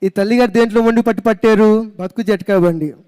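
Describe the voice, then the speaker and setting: A man preaching a sermon in a high voice, telling his story with animation and calling out hallelujah. His words ring through an echoey church hall. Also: fairly even intonation, quick pace, darkish tone, clean tone. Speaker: pastor.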